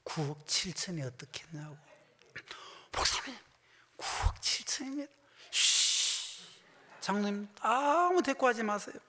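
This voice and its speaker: A male pastor preaching in a church sanctuary with a long, ringing reverb. His voice sits high and sounds bright and forceful. He tells the story by acting out both sides of each conversation, jumping from loud exclamations to near-whispers. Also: sing-song, measured pace. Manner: swings between loud bursts and hushed asides. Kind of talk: sermon with anecdote and quoted dialogue.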